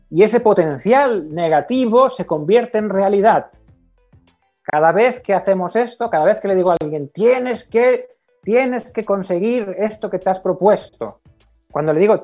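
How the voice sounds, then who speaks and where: A man's voice: fairly high pitch, a little mellow. A man hosting a motivational podcast, asking himself rhetorical questions and acting out the phrases he quotes. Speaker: podcast host.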